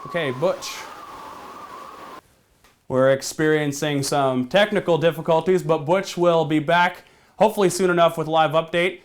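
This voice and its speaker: A smug TV news anchor in a parody newscast, played by a man. He delivers in a deadpan, dismissive way, with a slightly raised pitch. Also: moderate pace, long pauses, natural voice. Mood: dry, businesslike. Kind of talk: scripted mock newscast.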